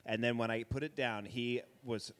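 A man's voice: mid-range voice, fairly even intonation, normal speed, a crowd in the background. A man hosting a podcast in casual chat who drops dry, joking asides. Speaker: podcast host.

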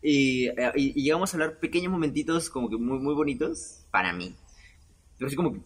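Young man, podcast host, husky voice, mid-pitched, rambling self-mocking storyteller. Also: expressive, brisk. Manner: chatty, self-mocking, laughs between phrases. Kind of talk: casual storytelling monologue.

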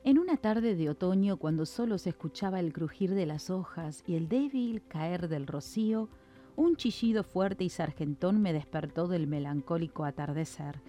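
A woman reading a children's story in an expressive, lilting way, with faint music behind. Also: on the low side, moderate pace.

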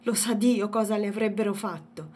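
A woman's voice: medium pitch, moderate pace, darkish tone, slight background noise, voice pushed up, natural voice. A woman doing a roaring, furious old village patriarch. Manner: roaring, cursing outbursts.

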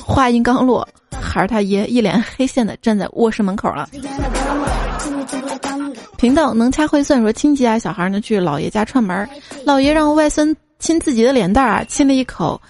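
A woman hosting a show, reading out funny listener stories in a lively way and mimicking the children in them. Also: a little high, a little fast. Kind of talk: humorous story reading. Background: faint background music.

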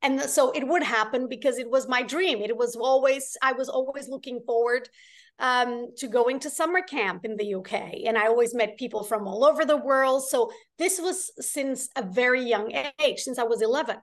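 Woman, slightly high voice. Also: normal speed. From Portugal. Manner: earnest, rambling storytelling with many restarts. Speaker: guest. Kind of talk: casual interview chat.

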